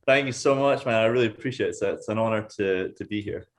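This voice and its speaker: Young male singer from Scotland, slightly low voice, loose and halting delivery full of restarts. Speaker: singer, guest. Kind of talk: casual interview.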